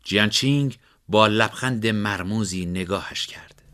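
A man narrating a story in a steady, measured way. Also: lowish voice.

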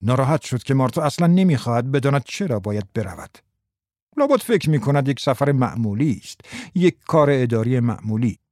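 A man narrating a story in a measured, even way. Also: mid-range voice, no room sound, studio quality. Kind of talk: scripted narration.

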